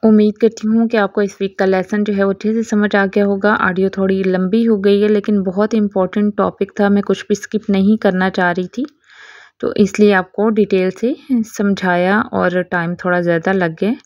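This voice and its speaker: A woman teaching Quran recitation in a recorded audio lesson, explaining patiently and reciting examples slowly. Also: medium pitch, little pitch movement, a little mellow, no room sound, dull audio.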